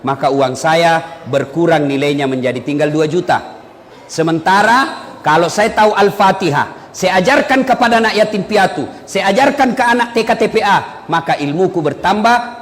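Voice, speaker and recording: A man with a high voice preaches a humorous sermon. He tells his stories in an animated way and shouts out the punchlines. His voice rings through a reverberant hall over a faint background hum. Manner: animated storytelling with loud punchlines.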